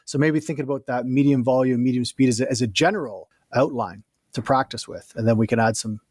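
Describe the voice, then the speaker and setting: Male communication coach guest, animated explainer, close dry sound, mid-pitched voice. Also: no room sound. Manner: lively, explanatory, quick bursts and laughs. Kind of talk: casual interview talk.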